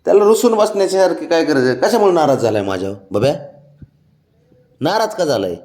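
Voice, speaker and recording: A man's voice: fairly high pitch, sing-song, a little fast, warm tone, echoey room. A man who coaxes his sulking pet in affectionate baby talk, with chuckles between lines. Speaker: pet owner coaxing his cat. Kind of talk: casual pet vlog talk.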